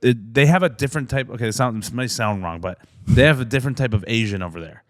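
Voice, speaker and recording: A man's voice: medium pitch, quick pace, no echo. Brief: young man from Canada, loose rambling podcast guest, dry close sound. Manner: rambling, many fillers and restarts. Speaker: comedian guest. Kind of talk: casual podcast chat.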